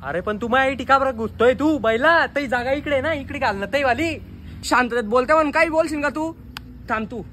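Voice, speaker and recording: A man voicing a quarrelsome village wife with a Khandeshi Marathi accent, scolding in a shrill voice. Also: racing, few pauses, bright, forceful tone, a little hiss or hum, exaggerated voice.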